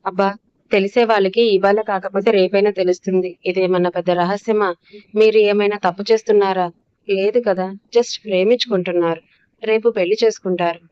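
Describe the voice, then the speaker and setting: Woman reading as a lively playful girl student. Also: mid-range voice, brisk, clear, resonant tone, natural voice. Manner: loud, playful. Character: lively, childlike young female student. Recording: dull dry lo-fi audio.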